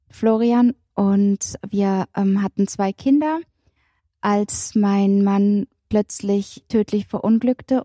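A woman in her thirties introduces herself on a panel and shares her testimony calmly and earnestly. Her voice is warm and mellow, recorded dry. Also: medium pitch, no room sound. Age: 30s. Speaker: panel guest. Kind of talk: personal testimony in a panel talk.

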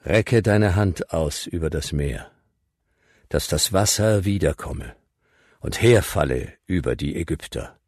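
A man voicing God, solemn, grave and measured in his commands. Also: low voice, expressive, a little mellow, slightly rough, dry recording, clean studio sound, exaggerated voice. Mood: solemn commanding. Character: God, deep commanding divine male voice.

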